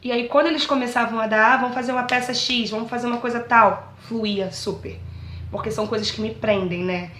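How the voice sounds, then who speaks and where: A woman's voice: fairly high pitch, fairly even intonation, fairly quick, a bit bright, echoey room. A Brazilian woman talking casually and earnestly about her own life, often checking that listeners understand. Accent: Brazilian Portuguese. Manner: chatty, keeps asking "entendeu?"; earnest and pleading when addressing teachers. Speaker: vlogger speaking about her dyslexia. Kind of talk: casual personal talk to camera.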